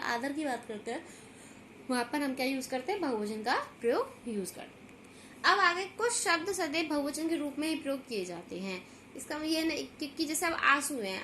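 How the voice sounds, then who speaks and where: A woman teaching a grammar lesson, slowly repeating example words and often checking that her students understand. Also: sits high, bright, forceful tone, a little hiss or hum.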